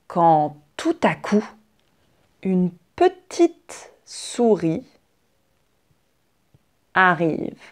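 A woman teaching French, telling a fable to learners in very clear, repetitive phrasing. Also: mid-range voice, darkish tone. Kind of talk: slow storytelling for learners.

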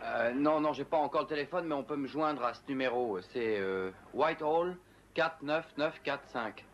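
A man's voice: mid-range voice, normal speed, lo-fi sound, background noise, close to an everyday voice. A man dubbing a hesitant polite newcomer. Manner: hesitant, polite, many fillers.

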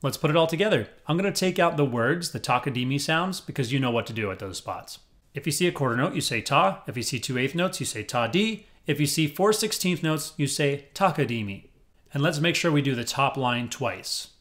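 A man teaching a music lesson, upbeat and clear, counting rhythm syllables aloud in a steady pulse. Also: on the high side, a little fast. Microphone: headphones on, desk recording.

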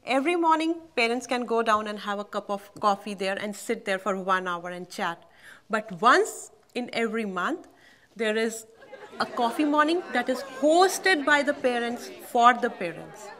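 A middle-aged woman, a parent, presenting a school in a polite, measured way. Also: on the high side, animated, fairly bright tone, a faint crowd. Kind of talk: school tour vlog. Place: school corridor indoors.

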